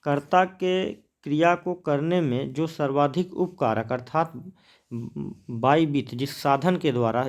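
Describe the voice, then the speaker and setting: A man teaches a grammar lesson at an unhurried, deliberate pace, repeating each word as he writes it out. His pitch sits in an ordinary middle range, and he poses questions to the class and then answers them himself. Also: darkish tone. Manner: slow, repeats words while writing examples.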